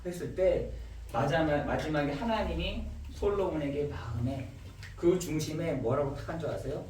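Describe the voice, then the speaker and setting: A man preaching a sermon as pastor, acting out pleading questions with lively delivery. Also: fairly high pitch, normal speed, slight background noise. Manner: animated preaching, acts out questions to God. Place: church sanctuary. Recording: echoey church hall, mic at a distance.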